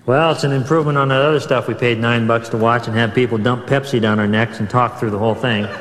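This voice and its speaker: A man narrating a humorous recording in a dry, understated, deadpan way. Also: mid-range voice, fast talker, a crowd in the background. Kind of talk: deadpan comic instruction. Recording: recording played through speakers in echoey church.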